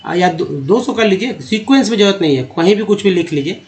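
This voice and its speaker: A man with a somewhat high voice runs a pronunciation lesson in Hindi. He drags out example words and says them again and again, explaining each vowel sound step by step. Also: animated. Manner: explains step by step, repeats words slowly, addresses viewers as friends. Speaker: English teacher.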